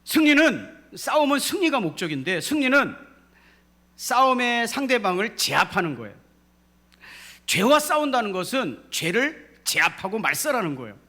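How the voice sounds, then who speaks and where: Emphatic man preaching a lively sermon. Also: extremely high pitch, moderate pace. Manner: call-and-response preaching, rising to emphatic peaks. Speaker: pastor. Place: church sanctuary.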